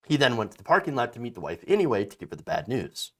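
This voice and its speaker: A man's voice: medium pitch, very animated, fast. A man in his thirties giving emphatic political commentary, reading out a story and reacting to it, with frequent fillers and restarts. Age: 30s.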